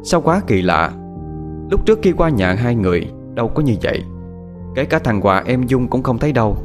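A man with a Southern Vietnamese accent narrating a ghost story in a dramatic, expressive way. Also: mid-range voice, brisk, music in the background.

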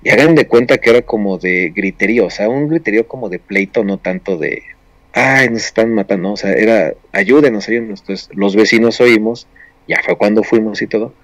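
A man tells a story in a casual, rambling way, full of restarts and fillers. His voice sits on the low side. The sound is dry and close, with no room around it. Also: fairly quick, no room sound. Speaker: storyteller on a paranormal show.

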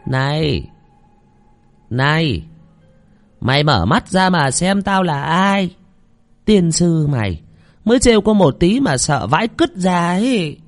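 A man's voice: a little high, sing-song, in a large hall, pitched above the performer's own voice, heavily acted. A sly village sorceress who fakes being a ghost, played by a man, in a raised, stretched-out voice. She moans eerily and teases coarsely, with faint music underneath. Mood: coarse mocking. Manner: eerie drawn-out moaning, then coarse teasing. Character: mocking village sorceress posing as old ghost.

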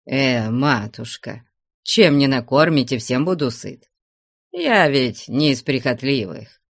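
A woman's voice: a bass voice, lively intonation, takes it slowly, vocal fry, no room sound, studio quality, exaggerated voice. A woman voicing a polite, modest middle-aged man visiting a convent. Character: middle-aged male guest, polite and easygoing.

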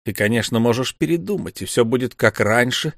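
A man doing a stern warrior husband, torn up inside, his words low, subdued and heavy. Middling pitch, set in a dry, close recording. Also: expressive, fairly quick, fairly bright tone, no room sound. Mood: grim. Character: brooding male alien warrior husband, tormented, stern.

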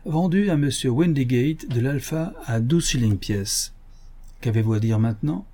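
A man reading an audiobook, voicing an angry, gruff poultry dealer. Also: mid-range voice, lively intonation, normal speed, dark tone, voice pushed up. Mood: brusque. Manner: gruff, blustering.

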